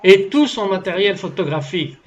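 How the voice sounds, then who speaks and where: A man's voice: high voice, lively intonation, normal speed. A man giving a French voice-over of a guest's testimony, telling it earnestly and acting out its dialogue. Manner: earnest storytelling, acts out the dialogue of his story.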